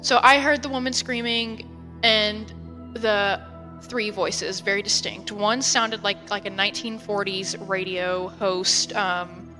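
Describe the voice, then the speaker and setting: A woman co-hosting a podcast, chatting casually in an animated way and laughing easily. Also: medium pitch, slow, long reverb tail, faint music behind. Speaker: podcast co-host. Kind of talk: casual chat.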